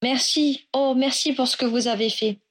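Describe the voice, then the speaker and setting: A woman's voice: high voice, fairly even intonation, normal speed, pitched above the performer's own voice. A woman voicing an effusive, grateful woman in a queue who gushes eagerly in an audiobook reading. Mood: gushing. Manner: gushing and eager. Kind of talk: audiobook reading of fan fiction.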